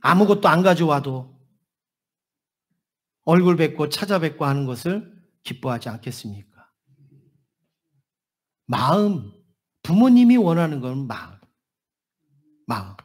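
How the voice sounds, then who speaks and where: Man, pastor, sermon, repetitive emphasis, rhetorical questions, higher-pitched. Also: big pitch swings, unhurried, long pauses. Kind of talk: Sunday sermon.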